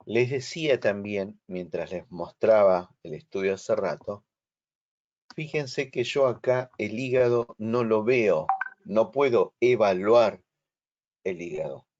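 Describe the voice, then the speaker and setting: Male instructor, Rioplatense Spanish accent, slow and explanatory, lower voice, muffled video-call audio. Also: a little mellow. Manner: slow, explanatory, checks understanding. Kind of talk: online lecture.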